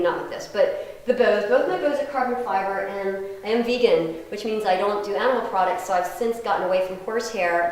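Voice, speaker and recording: A woman violinist chatting casually with a live audience between pieces, laughing and telling stories. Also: medium pitch. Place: house concert venue with audience. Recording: echoey room.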